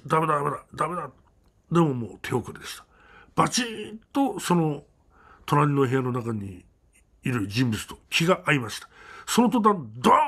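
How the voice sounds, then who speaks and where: A man telling a true ghost story aloud, dramatic, often dropping to a hush, with a gravelly, husky voice. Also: mid-range voice. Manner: dramatic, with sudden drops to a hush.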